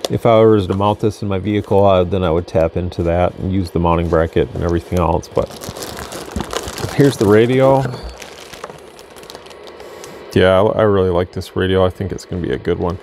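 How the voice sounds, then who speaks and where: A man with a low voice talks fairly quickly as he gives a casual, unscripted product demonstration at an indoor workbench, narrating as he works. Noticeable background noise runs through the recording.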